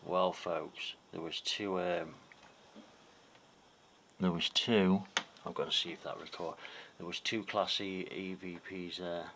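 A man's voice: sits low, fairly even intonation, takes it slowly, a bit bright. A man chatting casually and hesitantly to viewers as a paranormal vlogger, murmuring and repeating himself, on a noisy home recording in a small room.

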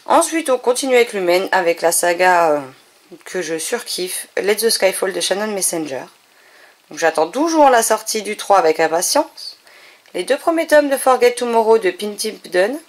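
A woman's voice: medium pitch, expressive, normal speed. Chatty French-speaking woman touring her bookshelf. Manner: chatty listing with frequent self-corrections. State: short on sleep. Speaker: book vlogger. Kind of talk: casual bookshelf tour chat.

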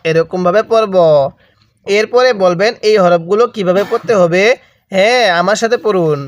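This is a slow Quran recitation lesson in which a man with a Bangladeshi Bengali accent patiently drills letter pronunciation through call-and-repeat. His voice is high-pitched, the studio sound is clean with no room sound, and he says each letter slowly before asking the viewer to repeat and read along.

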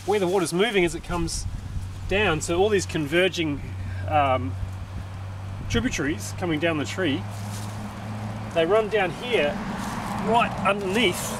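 Standing outdoors under a large tree in his backyard, a permaculture designer in his thirties with an Australian accent explains the tree in a casual vlog, thinking aloud and often restarting sentences. His voice sits high, the background is noisy, and he's filmed on a handheld camera at arm's length.

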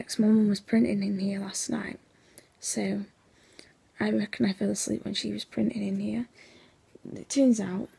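A young woman chatting casually in a vlog, her voice hoarse and nearly gone, half-whispering and sleepy, rambling with lots of fillers. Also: mid-range voice, a little mellow. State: sleepy, yawning. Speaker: vlogger.

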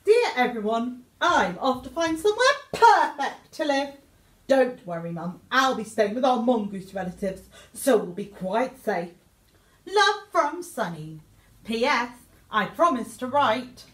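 In an echoey room, a woman reads a children's picture book aloud, exaggerated and theatrical, voicing a young meerkat who writes letters home. Her voice sits on the high side, sing-song and a little slow.

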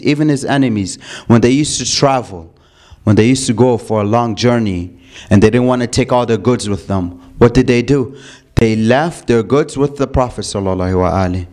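A man's voice: mid-range voice, darkish tone. Young man giving a religious lecture. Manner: rhetorical questions, frequent restarts. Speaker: youth lecturer. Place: mosque community hall.

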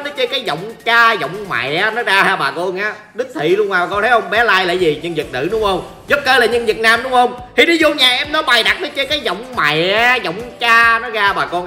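Man, Southern Vietnamese accent, streamer, gameplay commentary, joking, animated pitch, faint background music. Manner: joking, teasing, chatty with viewers. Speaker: gaming streamer.

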